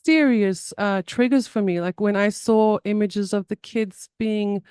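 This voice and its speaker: In a conversational interview, a guest somatic therapist from South Africa speaks earnestly, often starting over and repeating words. She has a mid-range, darkish, clean voice and an unhurried delivery, recorded with clean studio sound and no room sound.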